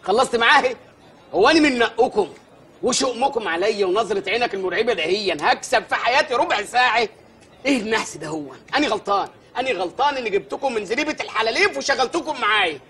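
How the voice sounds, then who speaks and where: A ranting Egyptian village mayor. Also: male voice, very high-pitched, animated, quick pace, slight background noise, full character voice. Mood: exasperated. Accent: Egyptian Arabic. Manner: loud comic ranting and pleading. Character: bumbling, short-tempered village mayor, middle-aged man.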